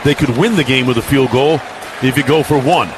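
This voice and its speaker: A man with a medium-pitched voice, speaking a little fast amid crowd noise, calls football play-by-play live on the radio. His delivery is clipped and punchy, building energy on each play over the noisy stadium feed.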